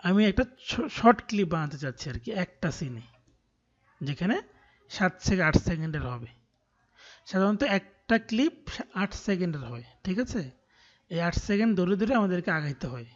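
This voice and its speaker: Speaking with a Bangladeshi accent, a man teaches an online course through a screen-recorded tutorial, explaining and frequently checking in with listeners. He is high-pitched with big pitch swings, a moderate pace and long pauses. His recording sounds muffled, dull and lo-fi.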